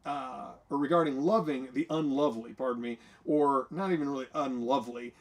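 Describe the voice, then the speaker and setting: A man's voice: medium pitch, brisk. A man co-hosting a church livestream, talking casually about faith and reading scripture, with many fillers and restarts. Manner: frequent fillers and restarts, folksy and earnest.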